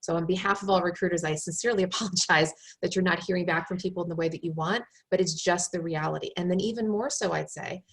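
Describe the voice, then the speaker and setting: A woman's voice: lowish voice, fairly even intonation, fast, hardly any pauses. A woman recruiter giving job-search advice on a group call, in an earnest coaching tone that checks in with "right?".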